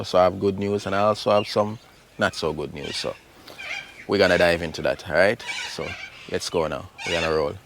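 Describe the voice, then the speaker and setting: Speaking low with a Jamaican accent, this man from Jamaica runs a laid-back garden vlog from his own backyard, filling his casual talk with fillers as the channel host. A little hiss or hum sits under the recording.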